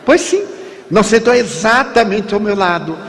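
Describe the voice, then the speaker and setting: A man's voice: sits high, expressive, normal speed, fairly bright tone. A man with a Brazilian accent giving an inspirational spiritist sermon, emphatic and dramatic, stretching key words as he tells a story. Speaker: spiritist speaker. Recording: long hall reverb.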